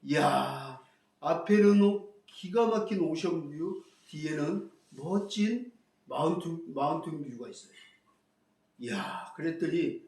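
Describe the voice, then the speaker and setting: A man preaching a sermon as pastor, telling a story with lively acted-out quotes. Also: fairly high pitch, slow, distant mic. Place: church hall. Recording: echoey hall, voice from afar.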